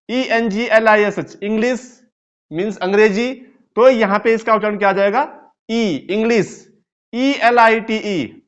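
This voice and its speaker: Indian male English teacher, high voice, slow and deliberate, spells words out and quizzes the class, muffled lo-fi sound. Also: fairly bright tone. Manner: spells words letter by letter and asks the class questions. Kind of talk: video lecture. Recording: dull lo-fi recording.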